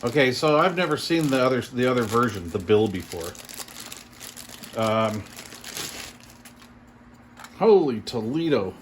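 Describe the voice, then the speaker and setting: The reviewer's medium-pitched voice is animated but unhurried, with frequent pauses as he casually unboxes a product. He thinks out loud and drops mild, impressed exclamations amid clearly audible background noise and room ambience.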